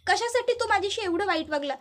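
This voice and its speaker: A woman's voice: very high voice, animated, fast talker, voice pushed up. A woman voicing a distraught young bride-to-be in a storybook retelling, with pleading, accusing outbursts.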